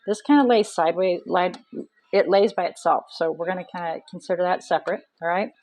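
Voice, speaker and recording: A woman's voice: fairly low pitch, fairly even intonation, a little fast, a little mellow, poor audio. A woman reading tarot cards aloud in a casual, chatty way, thinking aloud with many ums and restarts. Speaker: tarot reader.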